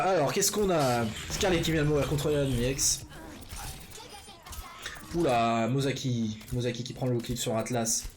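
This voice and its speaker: This man's mid-range voice is a little mellow as he casts a live esports match. The commentary is loose and conversational, loaded with fillers and quick fixes whenever he misspeaks.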